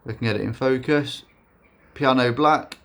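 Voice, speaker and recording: A man showing his custom motorbike in a casual vlog, speaking in a self-described monotone with many fillers and restarts. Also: mid-range voice, normal speed, creaky.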